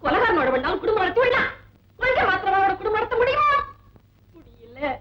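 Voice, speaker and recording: An actress playing a nagging, sharp-tongued young wife in a 1970s film comedy, swinging between laughter and sobs. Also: female voice, very high-pitched, very animated, quick pace, very noisy. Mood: complaining. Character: fed-up young wife of a turncoat husband. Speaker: exasperated wife. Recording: dull old film soundtrack.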